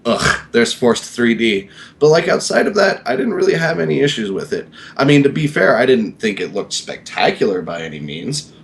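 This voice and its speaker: A man in his mid-twenties chatting casually on a podcast, rambling with lots of fillers and swearing freely. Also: lowish voice. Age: 20s. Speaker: podcast co-host. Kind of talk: casual chat.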